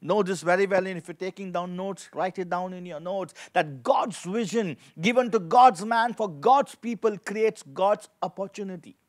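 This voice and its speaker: This man in his forties speaks at normal speed with few pauses, his voice high-pitched. Standing at a lectern in a dark-backdrop studio, he preaches as a pastor, reading scripture and stressing repeated key phrases into a handheld mic.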